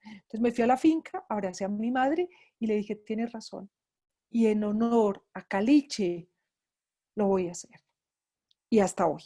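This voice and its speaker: A woman's voice: medium pitch, measured pace, dark tone. A middle-aged woman from Antioquia, Colombia, with an Antioquian accent, a grief psychologist telling her own story to a class, emotional and repeating words for emphasis. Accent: Antioquian Colombian Spanish. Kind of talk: personal testimony in a lecture.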